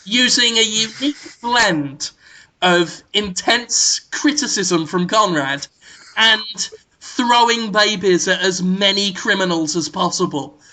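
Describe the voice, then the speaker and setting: Bright-voiced deadpan man pitching absurdly. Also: slow pace, a little hiss or hum. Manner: deadpan mock-serious pitch of an absurd plan; frequent filler ums and uhs. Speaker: podcast co-host. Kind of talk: comedic podcast banter.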